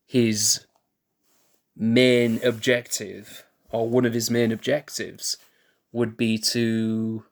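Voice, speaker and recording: Slow, musing male streamer. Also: mid-range voice. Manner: musing, thinks aloud with restarts and self-corrections; laid-back, chuckles at himself. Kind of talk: casual live-stream chat while building.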